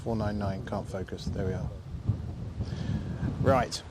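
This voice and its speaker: A man's voice: fairly low pitch, steady tone, slow pace, very noisy. Chatty man hosting outdoors. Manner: chatty, thankful, rambling with fillers. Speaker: livestream host. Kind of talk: casual live commentary. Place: outdoors in a field.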